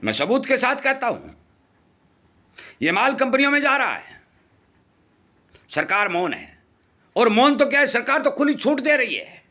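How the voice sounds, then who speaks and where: A middle-aged man speaks to farmers in a high, ringing voice. He warns them in earnest and says his key points twice to drive them home. His tone is bright and forceful. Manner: earnest, warning, repeats points for emphasis. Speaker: farming channel host. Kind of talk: impassioned commentary to farmers.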